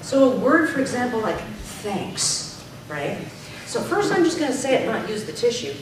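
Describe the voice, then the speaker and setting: A woman's voice: a little high, very animated, fairly quick. A woman leading a speaking workshop as a speech coach, stretching out syllables when she demonstrates. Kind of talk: teaching a workshop. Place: club meeting room. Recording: echoey room, far from the mic, noisy.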